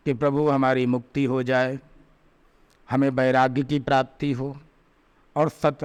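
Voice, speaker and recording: Smooth-voiced male preacher telling stories. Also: medium pitch. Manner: storytelling, rising emphatic peaks and slowed recited verses. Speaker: spiritual preacher. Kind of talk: Hindi devotional discourse with storytelling.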